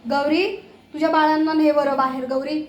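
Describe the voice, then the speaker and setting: High-voiced woman fondly scolding her pets. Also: little pitch movement, moderate pace, reverberant, slight background noise. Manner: fond exasperated scolding in baby talk. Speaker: pet owner filming her cats. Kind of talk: casual home video chatter to pets. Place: home kitchen.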